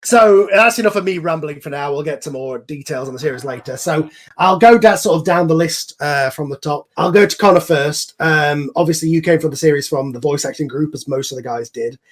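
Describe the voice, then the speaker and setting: Brisk and barely pausing, a man with a voice on the high side hosts an informal online group chat. As the series creator, he explains things at great length over the voice call, rambling with enthusiasm in a casual style.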